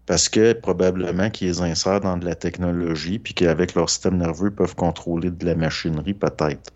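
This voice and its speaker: Very deep-voiced blunt Quebec man. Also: steady tone, brisk, a little mellow. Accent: Quebec French. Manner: blunt, skeptical, folksy. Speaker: guest speaker. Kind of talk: casual discussion. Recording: dull lo-fi recording.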